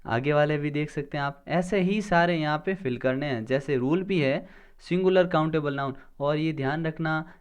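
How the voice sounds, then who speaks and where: Male teacher, slightly high voice, takes a grammar lesson one step at a time, asks a question and answers it himself. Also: clean tone. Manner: sounds out words slowly. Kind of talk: exam-prep grammar lesson.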